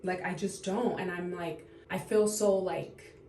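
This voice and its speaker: A woman's voice: on the low side, fairly even intonation, dark tone, reverberant, slight background noise. Tearful woman in her thirties, sighing. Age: 30s. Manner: tearful, halting, full of fillers and sighs. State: on the verge of tears. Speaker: vlogger. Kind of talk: unscripted emotional confession to camera.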